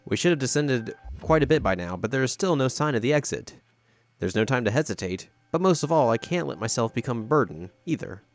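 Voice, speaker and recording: Man reading game text aloud, steady. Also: medium pitch, brisk, soft background music. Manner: plain, steady reading with small slips. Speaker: let's-play host.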